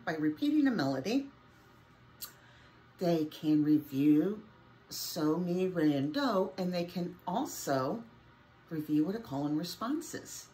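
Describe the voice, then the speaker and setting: A woman's voice: fairly low pitch, a little mellow, a little hiss or hum. A woman teaching a music lesson, explaining a name game in a chatty way while getting over a summer cold. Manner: chatty, switches to singing solfege.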